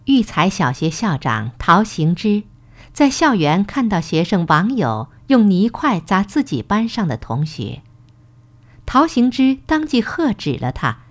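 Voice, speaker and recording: Expressive woman reading a story aloud. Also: fairly low pitch. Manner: clear, expressive, carefully paced. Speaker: reader. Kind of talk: formal Mandarin test passage reading.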